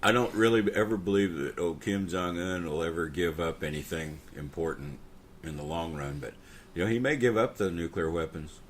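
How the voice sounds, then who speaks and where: A man's voice: low voice, normal speed, a little hiss or hum. A middle-aged man ranting bitterly and profanely in a casual podcast conversation. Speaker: podcast co-host. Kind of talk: casual political rant.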